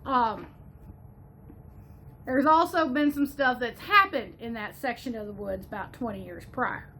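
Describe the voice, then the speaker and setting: A woman's voice: fairly high pitch, a little slow, pushed and bright, a little hiss or hum. A woman from Ohio giving a chatty, gushing movie review, slipping now and then into a playful mock Southern drawl. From Northwest Ohio, USA.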